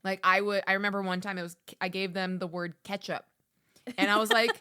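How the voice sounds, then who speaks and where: Bright, agreeable woman chatting. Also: medium pitch, flat delivery, clean tone. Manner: agreeable, chatty, quick to chime in. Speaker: podcast co-host, haunted attraction manager. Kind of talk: casual podcast chat.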